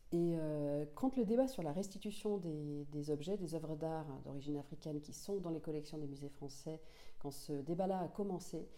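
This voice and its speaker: A woman in her forties, raised in Finland and Senegal, answering interview questions thoughtfully with frequent pauses and restarts. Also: sits low, warm tone. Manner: thoughtful, many hesitations and restarts. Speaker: author being interviewed.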